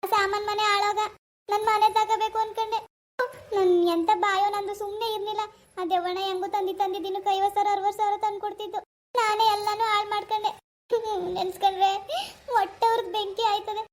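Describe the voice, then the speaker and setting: A woman voicing a self-pitying, sharp-tongued village wife in a cartoon, lamenting and scolding. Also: very high-pitched, little pitch movement, quick pace. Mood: regretful. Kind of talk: Kannada cartoon voice acting.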